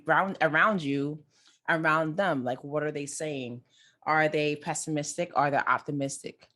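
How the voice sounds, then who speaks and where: A woman hosting a casual solo podcast with a New York accent and Caribbean touches, chatting straight to her listeners and often repeating words. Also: sits low. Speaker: podcast host. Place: indoors near a busy city street.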